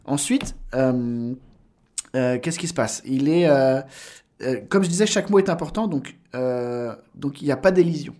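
A man in his thirties, guesting on a casual podcast, talking at a middling pitch. He explains his craft at length, full of hesitations and fillers. He laughs easily and stays animated. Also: measured pace. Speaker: voice actor guest.

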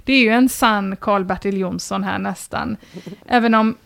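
A woman's voice: mid-range voice, steady tone, vocal fry. A woman hosting a casual chat, dryly reading forum posts aloud and acting out the quoted lines with amusement. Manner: dry, amused, acts out quoted dialogue; mock-solemn when reading aloud.

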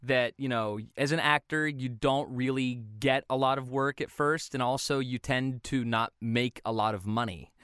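A man's voice: medium pitch, fairly even intonation, moderate pace, hardly any pauses, fairly bright tone, clear, resonant tone, no room sound, clean studio sound. A young man, a voice actor, chatting casually as a guest on a podcast, laughing often.

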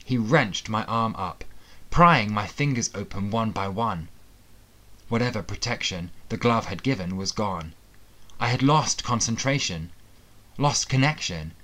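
A man with a fairly low voice reads a fantasy thriller audiobook in the first person. His delivery is steady and dramatic, built for storytelling. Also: a little slow. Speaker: audiobook narrator. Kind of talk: first-person scripted narration.

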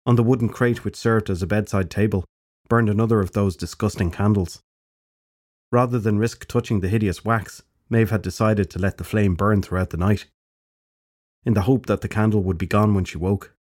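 A man narrating an audiobook fantasy story in a measured storytelling manner. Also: on the low side, fairly even intonation, darkish tone.

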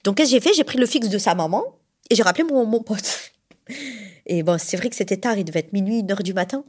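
A woman from southern France telling a personal story in a casual, lively way. She uses lots of fillers and acts out the people in her story. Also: mid-range voice, quick pace. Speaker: storyteller recounting a past relationship.

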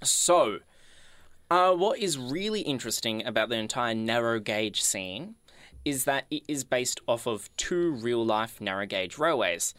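A man's voice: mid-range voice, expressive, unhurried, a bit bright, no echo. A man co-hosting a podcast, explaining trivia in a casual, enthusiastic and rambling way. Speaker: podcast co-host.

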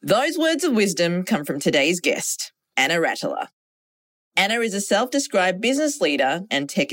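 A woman's voice: on the low side, no room sound. A woman hosting a podcast, reading scripted narration that introduces her guest. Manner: scripted narration with asides and light laughter. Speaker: podcast host.

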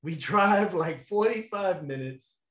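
A young man spins a rambling story in a relaxed, slangy way, laughing between lines. His voice sits a little high for a man. The room around him is echoey. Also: slow. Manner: laid-back, laughing, slangy, many fillers. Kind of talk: casual storytelling chat.

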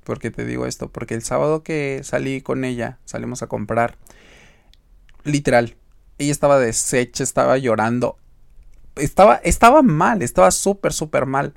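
Gravelly Mexican man giving advice. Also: mid-range voice, normal speed, dry recording, clean studio sound. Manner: chatty, emphatic, talks straight to the listener. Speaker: podcast host. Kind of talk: casual advice monologue.

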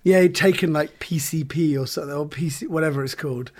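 Chatty man with a higher voice. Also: heavy background noise. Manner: laughs often, quick and chatty. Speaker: podcast co-host reading a story. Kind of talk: casual chat with read-aloud story.

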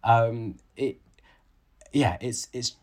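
Interviewed in a conversational setting, a biologist and author in his late thirties talks thoughtfully, restarting often and leaning on fillers. His mid-range voice is extremely slow and slightly mellow.

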